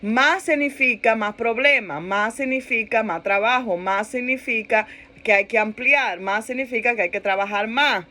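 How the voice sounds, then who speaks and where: A woman pastor preaching a sermon in an animated way, repeating phrases for emphasis and asking her listeners for agreement. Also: medium pitch. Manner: animated preaching, laughs and acts out quoted complaints.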